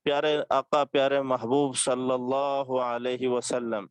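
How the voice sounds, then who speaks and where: A man's voice: mid-range voice, flat delivery, clear, resonant tone, dry recording. A man, a religious teacher giving earnest advice to his students and repeating each point. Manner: repetitive, earnest, exhorting.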